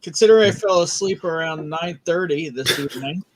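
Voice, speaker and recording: This is a man chatting as a guest on a live stream, his voice pitched high. He talks in a relaxed, easygoing way. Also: a little fast, no echo. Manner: laid-back, laughing. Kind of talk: casual live-stream chat.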